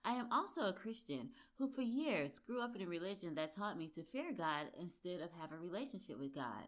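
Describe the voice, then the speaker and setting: A woman's voice: fairly low pitch, big pitch swings, a little fast. Female podcast host, upbeat and emphatic, introduces and interviews guests. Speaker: podcast host and relationship coach.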